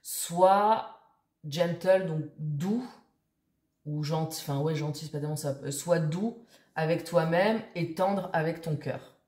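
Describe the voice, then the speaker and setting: A woman's voice: deep voice, slow, a little mellow, reverberant. A woman vlogger chatting casually to her viewers, rambling with many fillers and restarts. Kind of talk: casual chat to camera.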